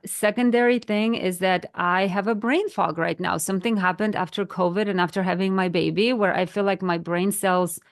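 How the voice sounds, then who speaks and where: A Polish woman in her thirties with a Polish accent co-hosts a casual podcast chat, speaking earnestly and sometimes searching for words. Her mid-range voice holds a steady tone at normal speed, with few pauses.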